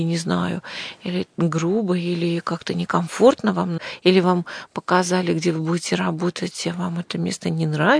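Husky gravelly woman giving advice. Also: on the low side, no echo. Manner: animated, acts out questions to the listener. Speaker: family psychologist guest. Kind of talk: radio interview advice.

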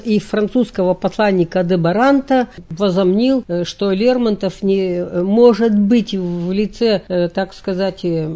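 An older woman, a literature scholar, answering interview questions in a measured, earnest lecturing manner with frequent hesitations. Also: medium pitch, warm tone.

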